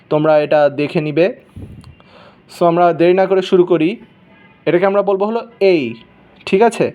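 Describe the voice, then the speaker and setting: A man with a notably high voice teaches the English alphabet in a relaxed, casual tone. He slows down and stretches out each sound as he demonstrates how it should be said. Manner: slow, drawn-out demonstration of sounds. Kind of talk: casual spoken lesson.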